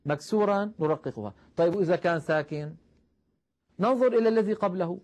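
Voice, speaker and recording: A man teaching the rules of Quran recitation, explaining patiently, calling his listeners brothers and slowing down to recite example verses. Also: high voice, lively intonation, a little mellow. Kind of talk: tajweed lesson.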